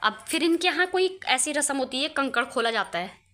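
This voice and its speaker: Young woman, bright, chatty and laughing, casual vlog. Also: high-pitched, lively intonation, moderate pace, soft background music. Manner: chatty, laughing often, near tears at times. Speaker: vlogger showing her wedding photos. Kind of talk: casual chat.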